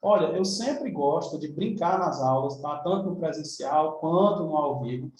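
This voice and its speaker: A man's voice: on the high side, animated, normal speed, darkish tone, far from the mic, a little hiss or hum. Chatty male teacher in echoey room. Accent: Brazilian Portuguese. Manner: chatty, informal, frequent tag questions. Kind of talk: exam review lesson.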